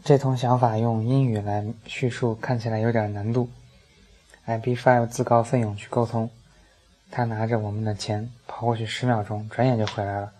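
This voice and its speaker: A man's voice: on the low side, flat delivery, moderate pace, mellow, low-quality recording. A man narrating a humorous first-person travel story, dry and comic in his delivery.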